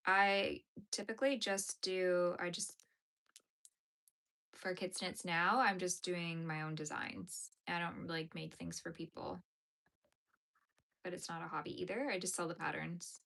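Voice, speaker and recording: Her voice sits on the low side, gravelly yet fairly bright, steady and a little slow. She's in her thirties and hosts a knitting channel, chatting casually while knitting and answering viewers with plenty of fillers and rambling.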